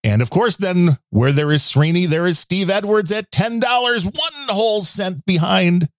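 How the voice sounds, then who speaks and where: A man's voice: high voice, moderate pace, dry recording, studio quality. A man co-hosting a podcast, reading out listener donations in casual, rambling chat with wry asides. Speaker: podcast co-host.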